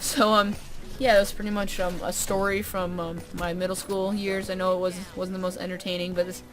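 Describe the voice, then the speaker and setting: A woman's voice: on the low side, little pitch movement, brisk, music in the background. A young woman vlogger telling a story casually to camera, full of "um" and "like" fillers, with dry sarcastic asides.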